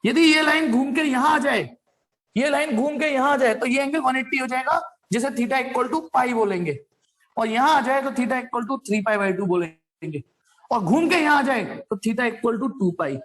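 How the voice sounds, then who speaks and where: High-voiced man teaching a physics class. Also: measured pace, a bit bright. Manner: addresses students directly, stops to ask them questions; repeats points over and over. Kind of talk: online class lecture.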